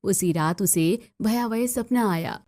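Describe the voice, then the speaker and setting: A woman narrating a cartoon story in an even storytelling manner. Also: medium pitch, slow. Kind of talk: scripted narration.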